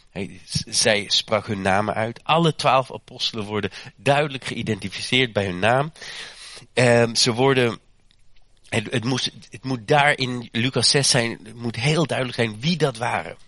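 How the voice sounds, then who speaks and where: Emphatic man preaching with bright tone. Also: dry recording. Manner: emphatic preaching, repeats phrases and rises in pitch for stress; frequent self-corrections and fillers. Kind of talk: sermon.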